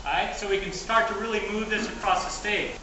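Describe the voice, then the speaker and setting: A man's voice: sits high, steady tone, a little fast. A man giving a live, instructional demonstration as a fight director, talking to an audience and a partner while physically active. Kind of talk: live stage combat demonstration. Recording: echoey, noisy space, distant mic.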